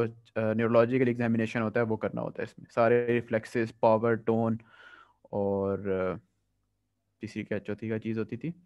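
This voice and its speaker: Pakistani man tutoring through exam questions. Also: medium pitch. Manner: reads English questions slowly, explains quickly in Hindi-Urdu. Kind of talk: past-paper review lecture. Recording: dull lo-fi audio.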